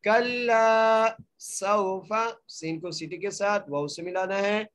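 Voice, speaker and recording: A man teaching Quran recitation in an online class, explaining each letter rule plainly and then chanting each word slowly and drawn out. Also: high voice, fairly bright tone. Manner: polite, asks students to mute. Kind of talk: online Quran tajweed lesson.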